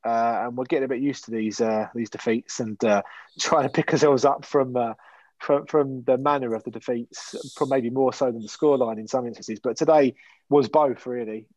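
A man's voice: medium pitch, steady tone, normal speed, a little mellow, dry recording, dull audio. A man hosting a casual football podcast, talking frankly and steering the chat between his co-hosts. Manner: conversational, frank, steers the talk. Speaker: podcast host.

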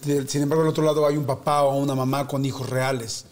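A man's voice: medium pitch, flat delivery, fast talker, darkish tone. A man interviewing a guest, asking questions and reflecting with empathy. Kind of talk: conversational interview.

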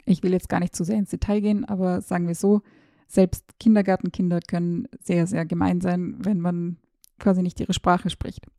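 This podcast host and journalist, a woman in her 30s, speaks at a moderate pace in a low, gravelly, flat voice, captured with clean studio sound and no room echo. Born in former Yugoslavia and brought up in Austria, she has Serbo-Croatian as her first language. She chats self-ironically through a casual voice-message-style monologue, hesitating with fillers.

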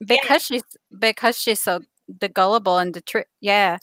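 A woman's voice: medium pitch, normal speed, fairly bright tone, no echo, voice pushed down, natural voice. A woman voicing an odd, lovestruck character obsessed with crystals, speaking earnestly in broken grammar that drops plurals and adds stray articles. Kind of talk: improvised comedy character.

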